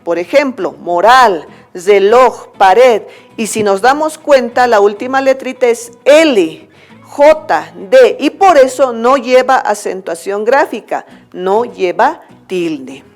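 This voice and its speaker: A Bolivian woman teacher explains a lesson slowly and patiently, her voice a little high. She checks in with her class after each point. Soft music plays faintly behind her. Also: expressive. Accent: Bolivian Spanish. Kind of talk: recorded school lesson.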